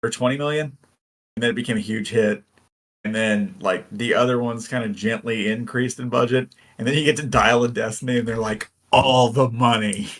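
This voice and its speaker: Gravelly-voiced man chatting about movies. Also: medium pitch, steady tone, a little fast, a bit bright. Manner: rambling, enthusiastic, many fillers. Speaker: podcast co-host. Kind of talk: casual movie review chat.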